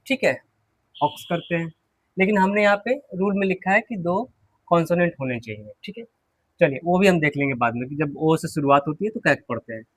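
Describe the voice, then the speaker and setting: A man teaching English pronunciation, slowly repeating words and asking and answering his own questions, clearing his throat often. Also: a little high, lively intonation, no echo. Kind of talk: classroom lesson.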